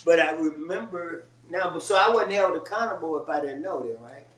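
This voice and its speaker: A man's voice: fairly high pitch, brisk, fairly bright tone, slight background noise. Man chiming in at a Bible study. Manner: agreeable, reflective, chimes in briefly. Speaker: study group member. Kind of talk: group Bible study discussion. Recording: echoey room, voice from far off.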